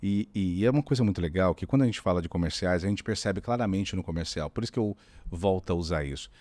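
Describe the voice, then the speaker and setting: A man's voice: low-pitched, quick pace, darkish tone, no echo. A middle-aged Brazilian man, a communication strategist, explaining animatedly and often acting out voices. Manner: demonstrative, often acts out voices.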